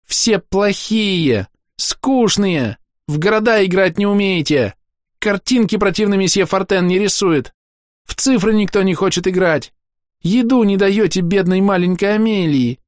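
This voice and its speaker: A spoiled little girl in full tantrum, as a male narrator puts her on. She whines in a strained, squeaky pitch and drags her words out. It is a dry, close audiobook read. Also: measured pace, no echo. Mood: wailing. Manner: wailing, whiny.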